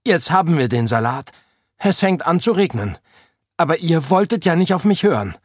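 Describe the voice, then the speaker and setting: A gloomy know-it-all boy from a storybook, grumbling with smug satisfaction, as a male narrator plays him. The voice is a little raised and breathy, with a dry, close sound. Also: on the high side, very animated, a little slow, dry recording, voice pushed up, exaggerated voice. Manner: grumbling, told-you-so.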